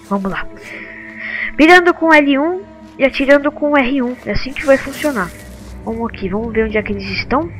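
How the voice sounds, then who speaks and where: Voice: medium pitch, fairly bright tone, low-quality recording. A Brazilian game video host giving casual, slangy commentary, thinking aloud while playing.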